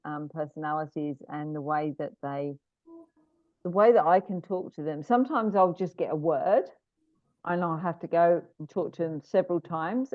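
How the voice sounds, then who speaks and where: A chatty, animated woman with a low-pitched voice, trading stories as a guest. She restarts sentences often and fills gaps with "you know." The sound is dry and thin, like a call over a phone line. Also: dry recording. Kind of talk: casual interview chat.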